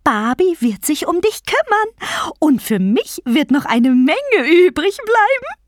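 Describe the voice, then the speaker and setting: Woman doing a high shrill vulture goddess, gloating and patient, slow and drawn out, storybook villain. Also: big pitch swings, no room sound, studio quality, full character voice.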